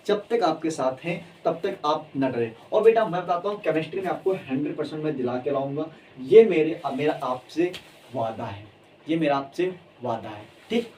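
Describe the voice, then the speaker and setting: In this energetic classroom lecture, a man with a high-pitched voice teaches chemistry, drilling key terms over and over while encouraging his students. His delivery is a little fast with hardly any pauses. The distant mic picks up faint room ambience and a little hiss or hum, and the recording quality is low.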